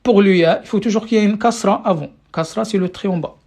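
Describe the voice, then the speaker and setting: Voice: mid-range voice, fast, darkish tone. A teacher running a live online class through a phone or computer mic. The delivery is patient and questioning, with frequent checks on whether everyone follows. Words often come out repeated as the next phrase is found. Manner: keeps asking the class questions and checking understanding. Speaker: Arabic teacher. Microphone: phone or computer mic on a live stream.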